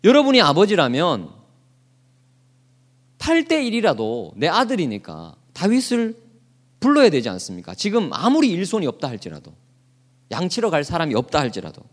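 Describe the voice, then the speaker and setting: A man's voice: a little high, wildly swooping pitch, normal speed, long pauses. A man preaching as a pastor, asking his congregation questions and leading them in reading aloud together. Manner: asks the congregation questions and leads group readings; acts out quoted lines. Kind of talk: sermon.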